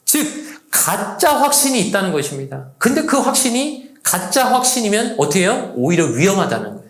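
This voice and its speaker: A man pastor preaching a sermon to a youth service, lively, acting out the voices he quotes. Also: high voice, brisk, reverberant. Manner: animated, acts out quoted voices. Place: church sanctuary.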